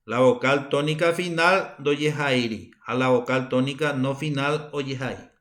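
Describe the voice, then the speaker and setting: In this recorded university lecture, a Paraguayan-accented female teacher talks at an unhurried, stop-start pace, frequently saying her phrases twice. She has a bass voice.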